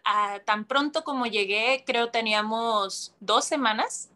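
Woman, high voice, bright tone, animated storytelling with acted-out voices. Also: measured pace. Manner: animated, acts out voices, laughs often. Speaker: guest. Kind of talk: casual storytelling.

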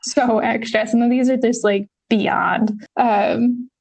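A woman co-hosting a casual history podcast, talking in a relaxed way with lots of ums and the odd wry swear word. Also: fairly high pitch, takes it slowly, creaky. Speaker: podcast co-host.

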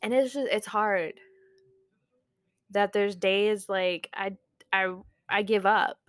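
A young woman who runs a small craft business talks in a casual vlog, rambling, frank, and constantly interrupting herself. Her medium-pitched, slightly bright voice moves at a slow pace, recorded at studio quality with no room sound.

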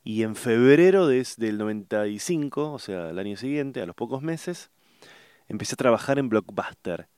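A man's voice: mid-range voice, lively intonation, normal speed, a little mellow, clean tone, no echo, studio quality. A middle-aged man with an Argentine Spanish accent, talking in a casual rambling monologue, often hesitating and searching for words. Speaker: vlogger.

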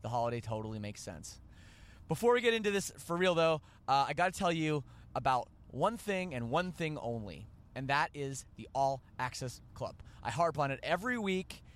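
A man's voice: on the high side, big pitch swings, moderate pace. A man with a Canadian accent hosting a podcast, rambling and joking as he corrects himself. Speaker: podcast host. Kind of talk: casual podcast chat.

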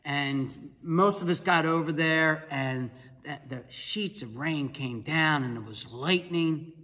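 A man's voice: fairly high pitch, slow pace. A middle-aged man, an evangelist, animatedly telling a personal testimony and acting out the dialogue. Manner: animated storyteller who acts out dialogue. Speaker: evangelist and speaker. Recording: long reverb.

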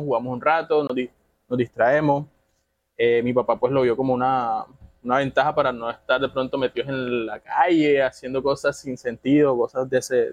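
A man speaks with a Colombian Caribbean accent in an easygoing, talkative manner, recalling his story. His voice sits at an ordinary pitch, and the recording is close and dry with no room sound. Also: dry recording. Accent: Colombian Caribbean Spanish. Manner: relaxed, chatty storytelling with frequent laughs. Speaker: podcast guest. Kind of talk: casual conversational interview.

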